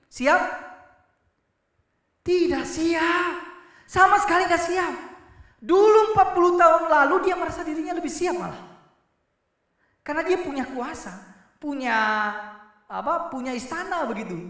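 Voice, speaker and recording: A male pastor delivers a sermon with lively, animated delivery and speaks straight to his congregation. His voice is bright and forceful. It echoes strongly around the church hall. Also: very high voice. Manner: animated, addresses congregation directly.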